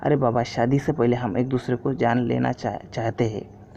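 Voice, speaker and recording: A smooth young fiancé coaxes and persuades, as a male narrator reads his lines. The voice is mellow and easy, on a dull lo-fi recording with faint hiss. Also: medium pitch, steady tone, moderate pace, natural voice. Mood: coaxing. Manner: coaxing, persuasive.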